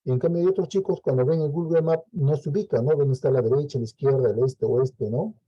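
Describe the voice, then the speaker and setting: A man's voice: fairly high pitch, fast, dark tone, dry recording, muffled recording. A Peruvian man lecturing a class, explaining step by step and checking in with frequent "¿no?" tags. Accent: Peruvian Spanish. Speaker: teacher.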